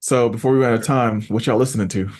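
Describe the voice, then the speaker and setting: A man's voice: medium pitch, quick pace. A man hosting a casual podcast chat, talking animatedly and acting out quotes to make his points. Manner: animated, acts out quotes when making a point. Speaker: podcast host.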